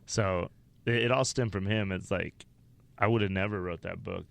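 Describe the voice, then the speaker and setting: A man's voice: low-pitched, fairly even intonation, moderate pace, vocal fry, fairly bright tone. A man from Wyoming, a stand-up comedian, telling rambling, profane stories as a podcast guest. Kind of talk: casual interview storytelling.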